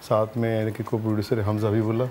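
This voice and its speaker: A man's voice: on the low side, completely flat delivery, fast talker, a little mellow, a little hiss or hum. A man, a film guest on a talk show, speaking in an assured, matter-of-fact way. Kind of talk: casual studio interview.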